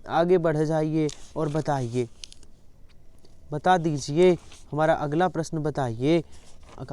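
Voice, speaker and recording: A man's voice: on the high side, darkish tone, smooth. A male teacher running an exam-prep lesson, repeatedly coaxing students to answer his questions.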